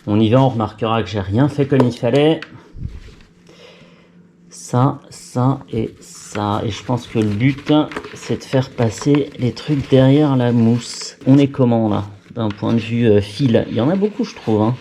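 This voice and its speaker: Mellow-voiced man muttering while he works. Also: mid-range voice, unhurried, a little hiss or hum. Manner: chatty, muttering to himself, self-mocking. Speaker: vlogger fitting a helmet intercom. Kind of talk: casual talk to camera while working.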